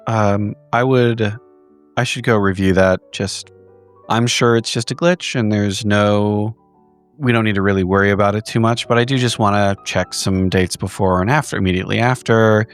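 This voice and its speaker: A man playing a tabletop game, speaking in character in a smooth, reassuring manner. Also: fairly low pitch, fairly even intonation, moderate pace, soft background music. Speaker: player.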